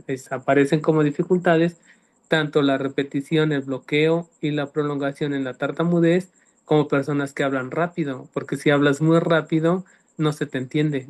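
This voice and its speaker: A man's voice: fairly high pitch, a little mellow. Man explaining speech therapy terms. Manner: didactic, checks understanding with "¿sí me explico?". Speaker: speech-language specialist guest. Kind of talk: explanatory panel talk.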